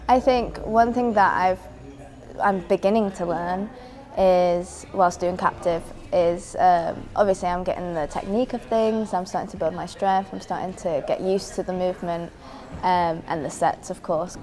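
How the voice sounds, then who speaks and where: A young woman dancer from England speaks in a documentary interview. Her voice sits a little low, and she talks through her training in an earnest, reflective way. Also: fairly even intonation, moderate pace, darkish tone.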